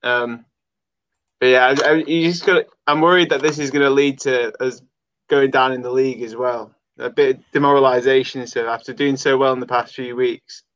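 Through dull, lo-fi call audio, a young man gives his football views. His voice is mid-pitched, and he sounds easygoing and a little tentative as a casual fan caller. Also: steady tone, moderate pace, a bit bright. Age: young adult.

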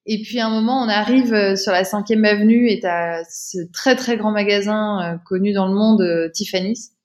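A woman's voice: mid-range voice, fairly even intonation, normal speed, darkish tone. A woman, a guest in an interview, telling a personal story casually, with many fillers and restarts.

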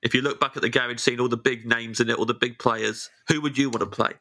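Bright-voiced male podcast host. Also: mid-range voice, steady tone, quick pace. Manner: curious, upbeat questioning. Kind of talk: interview chat.

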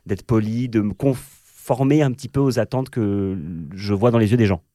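Low-voiced man, reflective podcast guest. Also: moderate pace, no room sound, studio quality. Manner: reflective, shifts between a relaxed low voice and a higher perched voice. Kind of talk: casual chat.

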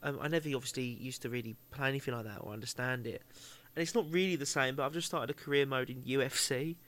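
A man's voice: medium pitch, quick pace, a bit bright. A man co-hosting a podcast, jokey and swearing in casual chat. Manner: swears, jokey, laughs a lot. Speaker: podcast co-host.

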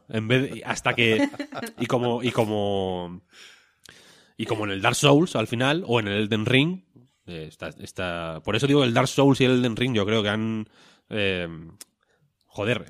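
A man's voice: fairly low pitch, fairly bright tone, no room sound, studio quality. A man in his thirties, chatting casually on a podcast in a rambling, self-mocking way and swearing freely. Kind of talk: casual chat.

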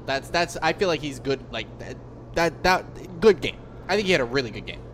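A man co-hosting a casual football podcast, talking in an animated way and slipping into mock voices. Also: on the high side, a little fast, slight background noise. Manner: animated, breaks into mock phone-call voices. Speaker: podcast co-host. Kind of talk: casual sports chat.

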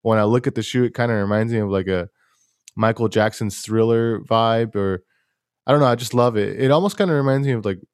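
A young man hosting a casual sneaker podcast, talking in a rambling, laid-back way with a fairly monotone voice. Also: lowish voice, brisk, smooth, dry recording, studio quality. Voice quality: self-described monotone voice. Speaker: podcast host.

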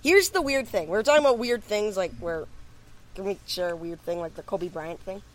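A man's voice: high-pitched, fairly quick. A young man co-hosting a casual hockey podcast, rambling and losing his train of thought. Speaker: podcast co-host. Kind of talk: casual chat.

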